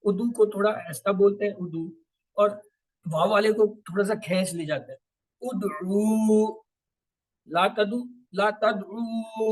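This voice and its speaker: A man teaching Arabic grammar for the Quran, who explains step by step, asks and answers his own questions and repeats drill words slowly. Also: high-pitched, rough recording. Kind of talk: grammar lesson.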